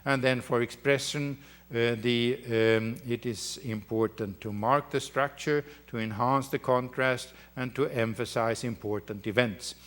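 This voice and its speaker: A man giving a university lecture on the voice. He explains step by step and often pauses to correct himself. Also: medium pitch, fairly even intonation, a bit bright. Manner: halting, with many fillers and restarts. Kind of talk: academic lecture.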